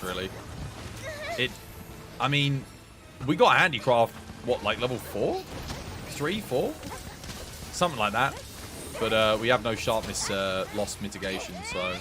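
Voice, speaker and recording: A man's voice: mid-range voice, expressive, a little slow, long pauses, over music. A young man on a headset mic, chatting casually to his livestream viewers while commenting on his game. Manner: chatty, rambling, swears mildly, talks to chat. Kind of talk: casual gameplay commentary and chat.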